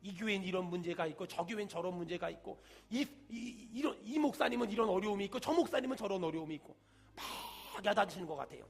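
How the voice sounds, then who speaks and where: A man, a senior pastor, preaching a sermon with emphatic call-and-response and shouted peaks. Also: high-pitched, animated, fast, slightly rough, faint music behind.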